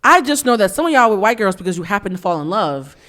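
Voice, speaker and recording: Fast-talking, blunt woman podcast host. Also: mid-range voice. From US East Coast. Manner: blunt, animated, acts out quotes. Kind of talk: candid podcast conversation.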